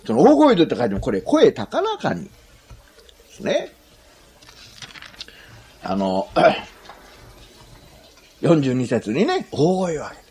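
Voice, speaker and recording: Husky, lively Japanese preacher man. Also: mid-range voice, slow, long pauses. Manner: chatty and humorous, often adds a questioning "ne"; asks the listeners questions. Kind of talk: sermon to a congregation.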